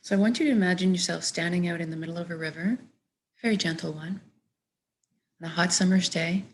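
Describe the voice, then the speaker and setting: Offering soothing guidance through a meditation, a woman speaks gently and deliberately in a slightly low voice, letting her soft phrases trail away.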